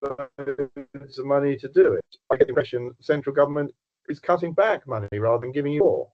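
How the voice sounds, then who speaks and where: A man asking a question in an online meeting, his audio breaking up over the call, speaking in a halting way with restarts. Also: mid-range voice, no room sound, lo-fi sound. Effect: connection breaking up on a video call. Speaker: webinar attendee asking questions. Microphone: computer mic on a video call.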